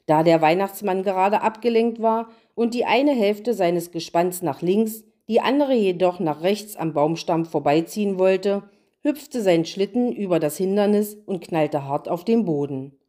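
A woman reads a fairy tale aloud with lively, expressive storytelling. Her voice is dark and mellow at a mid pitch, steady and inviting. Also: unhurried.

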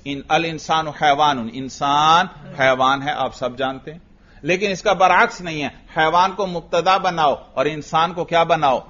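A man with a Pakistani Urdu accent lectures his class on grammar in a fairly high voice. He explains each point patiently, putting questions to the students and answering them himself. The recording is muffled and lo-fi. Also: moderate pace, pushed and bright. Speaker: teacher.

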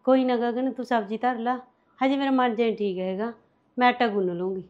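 An actress playing a soft-spoken young wife who misses her husband, in a short drama. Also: fairly high pitch, steady tone, a little fast, lightly acted. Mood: subdued. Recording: dull lo-fi sound.

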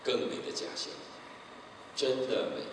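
A middle-aged man preaching an evangelistic sermon, telling his story vividly and acting out the people in it. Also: unhurried. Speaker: pastor. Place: church sanctuary. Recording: echoey hall, distant mic, noisy.

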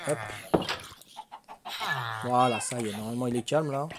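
A man's voice: mid-range voice, normal speed, very noisy. An older man casually explaining a video game in a tutorial, hesitant and chatty, with many fillers and restarts, talking to the characters on screen. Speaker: gaming tutorial host.

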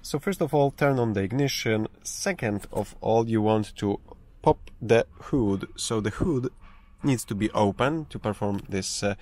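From inside a parked car, a man hosts a casual how-to tutorial, explaining steadily but with frequent fillers and restarts. His voice is fairly low and darkish, a little slow. He stays off screen, with the phone or camera held in hand.

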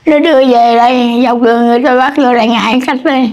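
Older woman, halting short answers. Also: on the high side, steady tone, a little mellow. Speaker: elderly interviewee. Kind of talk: casual conversation. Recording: dull lo-fi sound.

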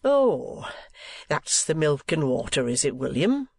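A man's voice: a little high, very animated, takes it slowly, gravelly, breathy edge, dry recording, exaggerated voice. A man doing a greedy, preachy schoolmaster. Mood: sanctimonious. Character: greedy, sanctimonious male schoolmaster, middle-aged.

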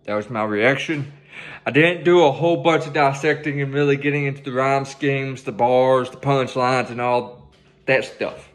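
Speaking at a moderate pace in a mid-range voice, a young man reacts to music from his home living room through a headset mic. He keeps it casual, swears without restraint, and hypes up the track.

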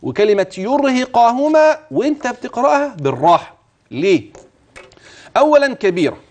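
On a religious TV channel, a man with an Egyptian Arabic accent gives a tajweed lesson, stretching out Quran verses in a slow, melodic recitation. He then breaks them down in fast, chatty colloquial speech, posing questions and answering them himself as though coaching a student. His voice is extremely high, swings widely in pitch, and has a somewhat dark tone.

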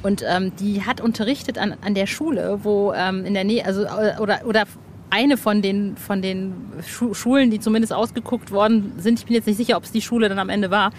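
With fairly even intonation, a medium pitch and a fairly quick pace, this podcast host chats with an author. She's casual and gushingly enthusiastic, often correcting herself mid-sentence. The outdoor roof terrace setting adds ambient noise.

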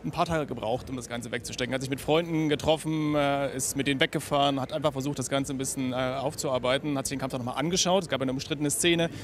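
A man's voice: medium pitch, steady tone, fast talker, few pauses. A man in his forties giving live pre-fight analysis as a boxing commentator at ringside. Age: 40s. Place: ringside in an event hall. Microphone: handheld reporter microphone. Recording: busy event hall with crowd noise.

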